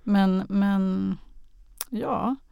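Interviewed about her work directing or producing radio drama, this woman has a mid-range, steady, smooth voice with a creaky quality. She speaks conversationally, hesitating as she looks for words. The podcast recording is close and dry but sounds somewhat muffled.

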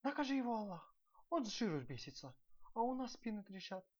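A man's voice: sing-song, fairly quick. Man whispering as grumbling fearful servants. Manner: hushed, high and anxious. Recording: dull lo-fi recording.

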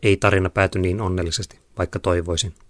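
Solemn deep-voiced male storyteller. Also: little pitch movement, dry recording, studio quality. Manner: solemn, theatrical, addresses listeners directly. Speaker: narrator. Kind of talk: dramatic storytelling narration.

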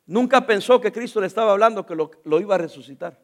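A middle-aged male pastor, preaching a sermon in church, swinging from loud to quiet and joking with the congregation. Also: high voice, expressive, fast.

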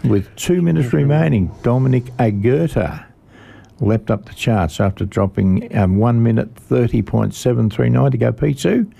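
An Australian man hosting a radio motorsport show, reading out race news in a halting way and repeating the odd word. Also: medium pitch, animated, vocal fry, warm tone. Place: radio studio.

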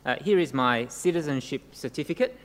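This Korean-born pastor in middle age preaches earnestly at a church service, regularly wrapping up points with tag questions. His medium-pitched voice is lively, fairly quick, and a bit bright, with long hall reverb and faint noise in the recording.

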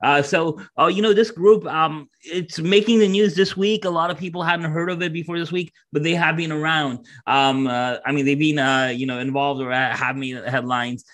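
A man hosting a podcast in casual chat, talking haltingly with many fillers and restarts. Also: a little high, fairly even intonation, a bit bright. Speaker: podcast host.

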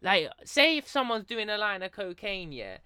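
A man's voice: sits high, big pitch swings, moderate pace, pushed and bright, smooth, dry recording. A man in his twenties with an Essex estuary English accent, chatting casually in emphatic, repetitive, sweary street slang. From Essex, England.

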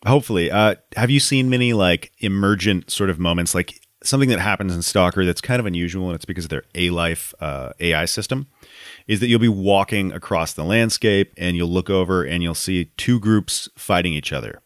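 A deep-voiced man speaking a little fast co-hosts a podcast in a dry, clean studio recording. He tells gaming stories with real enthusiasm in a casual chat, dropping "like" throughout.

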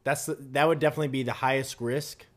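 Sitting at the table in his shared house, a young man talks fast in a steady, mid-range voice. It's a casual chat in which he wonders aloud and asks thoughtful questions.

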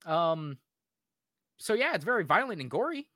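Ranting, profane young man, bright voice. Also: sits high, very animated, normal speed, no echo, studio quality. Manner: frequent fillers like "like" and "um". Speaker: podcast co-host. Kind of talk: casual podcast review chat.

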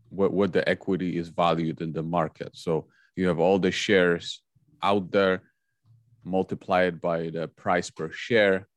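A man in his forties speaks English with a Polish accent and a very deep, low voice. He explains things in a measured way, often repeating words as he goes. The sound is dry and close. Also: dry recording. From Poland. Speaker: guest investor. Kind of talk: podcast interview.

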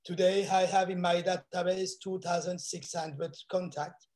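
French guy on a video call, accent, kinda high voice, repeats words a lot. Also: level tone, darkish tone. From France. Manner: halting, repetitive phrasing with non-native grammar. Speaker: real estate agent.

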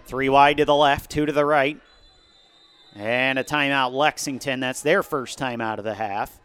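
A man doing live football play-by-play, calling each play briskly as it happens. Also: medium pitch, fairly even intonation, fairly bright tone, smooth. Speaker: play-by-play announcer.

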